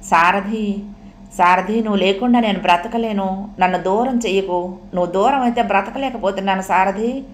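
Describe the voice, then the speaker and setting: A woman's voice: mid-range voice, moderate pace, close to an everyday voice. Audiobook: woman doing a crying, pleading young woman, roomy sound. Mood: tearful pleading. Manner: pleading, accusing, bitter. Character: tearful young woman pleading with her lover. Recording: roomy echo.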